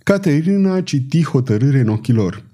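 A man narrates a historical novel with expressive, dramatic storytelling. His voice is mellow and warm, and it rises and falls in lively swings. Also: on the high side. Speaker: audiobook narrator.

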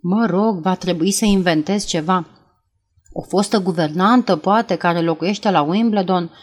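A woman's voice: lowish voice, slight background noise, natural voice. Woman voicing Elvira, a guarded young lady. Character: young well-bred woman, secretive and guarded. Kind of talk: audiobook character reading.

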